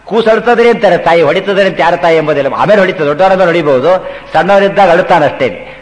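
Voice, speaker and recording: A man giving a devotional sermon on scripture, chanting verses slowly and asking his listeners questions. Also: high voice. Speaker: religious discourse speaker. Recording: long reverb of a large hall.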